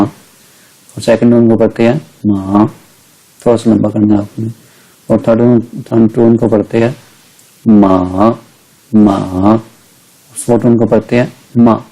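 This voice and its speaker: Middle-aged male teacher, low and very dark voice, patient step-by-step explainer. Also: flat delivery, poor audio. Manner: patient, explains step by step and models each sound slowly. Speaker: language teacher. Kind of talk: recorded slide lecture.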